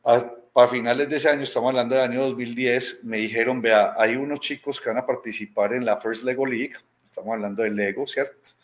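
This robotics teacher talks a little fast with few pauses, his mid-range voice fairly even in intonation. In his thirties and speaking with a Medellín Colombian accent, he's interviewed over video call from a small room at home, conversationally telling stories, acting out dialogue, and regularly adding "¿cierto?".

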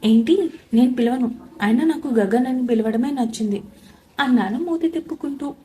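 A young woman narrating a romance story in the first person with a lively, expressive reading. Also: sits high, normal speed.

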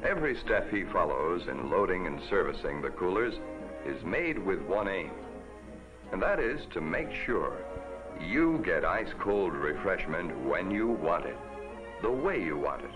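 A man narrating a 1950s TV commercial as a folksy, upbeat pitchman. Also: big pitch swings, measured pace. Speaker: commercial announcer. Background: music.

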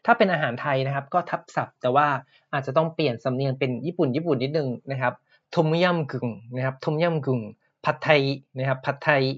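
A man teaching Japanese words in a podcast lesson, explaining patiently and repeating each word slowly. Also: on the high side, lo-fi sound.

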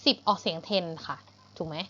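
A woman with a Thai accent teaching English to young pupils, patient and repeating each word slowly for pronunciation. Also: lowish voice, pushed and bright, highs cut off. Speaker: primary school English teacher. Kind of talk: online English lesson for children.

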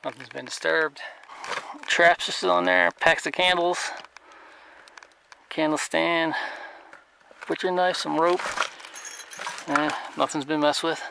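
A man's voice: fairly high pitch, gravelly, sharp tone, a little hiss or hum, poor audio. A man narrating casually to camera while hiking through a forest and checking a shelter, thinking aloud with many fillers. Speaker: outdoor vlogger. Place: outdoors in a forest and inside a tarp shelter.

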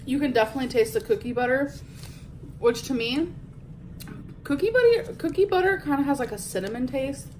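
A young woman with a slightly high voice talks casually to her viewers while chewing, her words a little muffled by the food in her mouth. A faint hum of room noise sits behind her. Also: animated, brisk, long pauses, darkish tone. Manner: chatty, addresses viewers directly. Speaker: vlogger. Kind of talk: casual taste-test chat.

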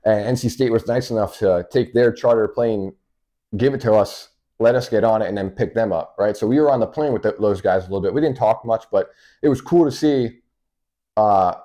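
A man's voice: lowish voice, fairly quick, warm tone. A young man, a baseball coach, telling stories as a podcast guest in a small studio, in a direct, chatty way. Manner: direct, storytelling, many fillers. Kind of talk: casual interview. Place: small indoor studio room.

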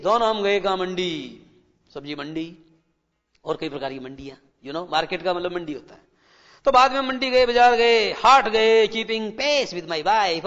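A man teaching English as a televised classroom lecture, addressing children and asking them rhetorical questions, reading English phrases slowly before explaining them. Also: high-pitched, fairly bright tone. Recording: dull lo-fi broadcast with long reverb.

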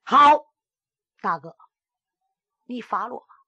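A woman's voice: fairly high pitch, expressive, takes it slowly, sharp tone, husky, no room sound, highs cut off, heavily acted. A woman storyteller voicing a wronged young nobleman lamenting in earnest inner monologue. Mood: resigned.

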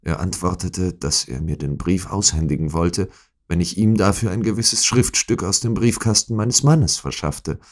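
A man's voice: low voice, moderate pace, close to an everyday voice. A man voicing a distraught young noblewoman who pleads for help, in an audiobook reading. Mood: confessing. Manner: pleading, breathless, emotional.

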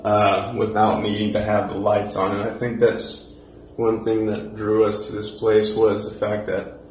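This twenty-something American vlogger's voice is lowish, completely flat, unhurried and a little mellow, with slight hiss or hum. He gives a relaxed, informal tour of empty apartment rooms, speaking into a phone held at arm's length.

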